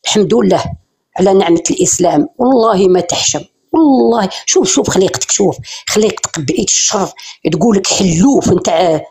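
Woman caller, quick and furious, trading insults in a live debate. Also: medium pitch, animated, a little mellow, slight background noise. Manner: angry, insulting.

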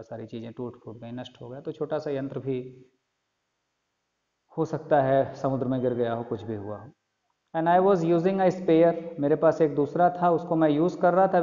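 A male teacher giving a lesson, reading English text aloud very slowly and then explaining each line in detail. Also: medium pitch, mellow. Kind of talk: classroom lecture explaining an English textbook chapter in Hindi. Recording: lo-fi recording with long echo.

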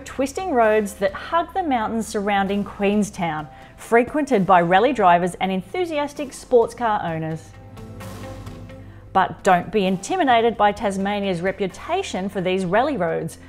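A woman in her forties with an Australian accent, presenting a travel road trip with upbeat, encouraging narration. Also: mid-range voice. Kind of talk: travel narration and car chat. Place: inside a moving car.

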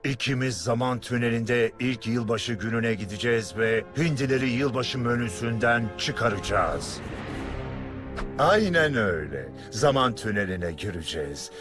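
A man's voice: medium pitch, expressive, measured pace, close to an everyday voice. A man playing a big, self-serious, deluded turkey commando in a cartoon dub, making dramatic military pronouncements. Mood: solemn, commanding. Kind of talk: Turkish cartoon dub acting. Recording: film soundtrack with music underneath.

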